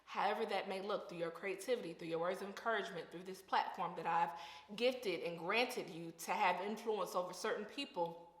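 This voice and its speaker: A woman's voice: on the low side, a little fast. Earnest woman with a lisp, echoey room. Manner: earnest, conversational, slangy, with emphatic repetitions. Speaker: vlogger. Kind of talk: casual faith-based encouragement talk. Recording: echoey room with long reverb.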